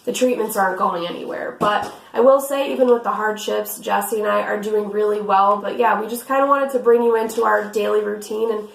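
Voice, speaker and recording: Young woman w a raspy gravelly voice, earnest casual vlog chat. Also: mid-range voice, steady tone, a little fast, few pauses, roomy sound, rough recording. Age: young adult. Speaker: vlog co-host.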